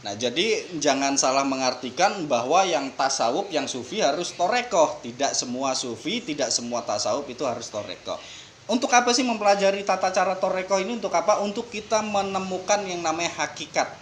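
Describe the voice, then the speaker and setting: Guest speaker, Indonesian man, slightly high voice, patient teacherly explanations, faint hiss under the recording. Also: a little fast. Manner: explanatory, uses everyday examples, relaxed and joking. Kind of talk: casual podcast conversation, explaining religion.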